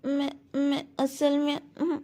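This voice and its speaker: A woman's voice: high voice, slow. A woman voicing a shy, stammering little girl. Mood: hesitant. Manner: hesitant, stammering.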